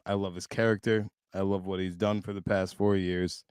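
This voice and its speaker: A man in a casual group chat, animated and blunt, joking and swearing with his friends. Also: low voice, normal speed, smooth, no echo, studio quality. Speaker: co-host and wrestling fan.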